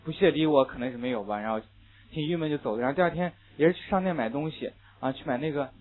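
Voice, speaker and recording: A man teaching an English class, lively and chatty, mixing in English phrases and anecdotes. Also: on the high side, fast talker. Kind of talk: classroom lecture. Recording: tinny, phone-like lecture recording.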